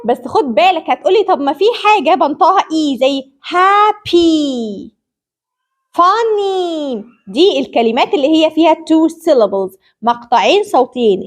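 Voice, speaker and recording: A woman with an Egyptian Arabic accent teaching a beginner English phonics lesson, repeating each example word slowly and drawing it out. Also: high voice, expressive. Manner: slow, drawn-out repetition of example words.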